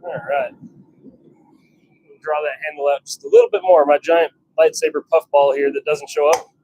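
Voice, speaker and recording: The recording is very noisy, carrying a slightly high, fairly even voice at a moderate pace. A hobby blacksmith in his home forge workshop chats informally on a livestream as he works, speaking half to his audience and half to himself.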